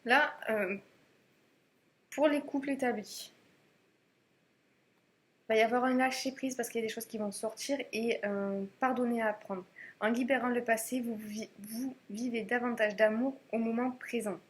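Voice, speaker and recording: A woman's voice: a little high, steady tone, normal speed, pauses often. A woman giving a casual tarot reading to camera, chatty and hesitant, with many fillers and restarts. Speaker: tarot reader.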